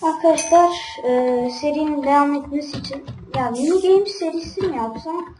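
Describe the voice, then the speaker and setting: Woman host doing casual game commentary to viewers; quick to complain, recorded distant in an echoey room. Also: sits high, a little mellow, soft background music. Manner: grumbling, easily frustrated, talks straight to viewers. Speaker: gaming channel host. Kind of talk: casual let's-play commentary. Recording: roomy, distant mic with background noise.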